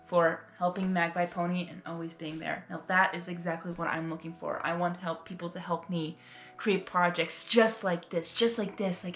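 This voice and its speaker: A woman with a lowish but fairly bright voice gives casual, emotional reaction commentary as host of a video. She tends to ramble, exclaim and repeat phrases, and the audio sounds roomy with faint music behind it.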